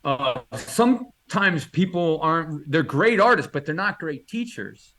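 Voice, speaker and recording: A man chats easily in an interview, eager and meandering. He stumbles, restarts and fills gaps with ums. His pitch swings widely as he gets excited, then drops back down. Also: a little slow. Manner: enthusiastic, rambling, many fillers and restarts. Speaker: illustrator guest answering questions. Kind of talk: casual interview chat.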